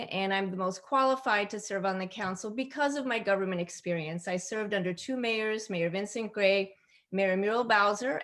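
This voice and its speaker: A woman from Colombia, a candidate, giving a brisk and self-assured opening statement at a forum. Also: mid-range voice, fairly bright tone. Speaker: political candidate.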